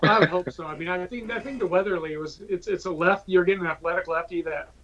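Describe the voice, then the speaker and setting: Slightly high-voiced man on a muffled line. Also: fast talker, fairly bright tone, slight background noise. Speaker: scouting analyst. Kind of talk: live panel discussion.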